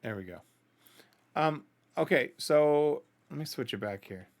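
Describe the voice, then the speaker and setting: A middle-aged man hosts a music reaction channel, speaking in a fairly high, expressive voice at a measured pace against a noisy background. He talks casually, gives his opinions, and keeps checking in with the listener.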